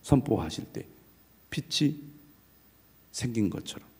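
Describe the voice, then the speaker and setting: A middle-aged man, a pastor, preaching an early morning sermon in a measured way and reading scripture aloud. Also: medium pitch, animated, darkish tone, slightly rough.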